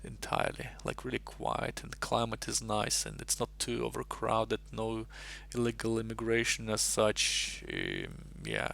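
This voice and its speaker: A man's voice: lowish voice, big pitch swings, measured pace, gravelly, hardly any pauses, a bit bright, a little hiss or hum. A man from Russia chatting casually on a live stream, rambling and thinking aloud as he solves chess puzzles at his desk mic.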